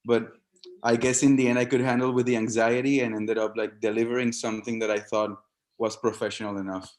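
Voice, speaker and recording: A man's voice: medium pitch, little pitch movement, brisk, darkish tone. Brief: man, mid voice, thoughtful video-call participant. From Venezuela. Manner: thoughtful, explanatory.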